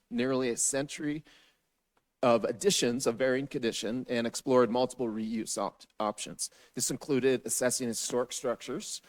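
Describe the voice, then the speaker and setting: In council chambers, a man with a hoarse, raspy, medium-pitched voice delivers a steady, businesslike staff briefing to a city council.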